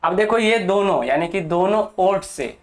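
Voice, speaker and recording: Exam students get a grammar lesson from a teacher whose medium-pitched voice is animated. Delivery is slow and deliberate for note-taking, key terms are repeated, and the teacher regularly checks in with the class.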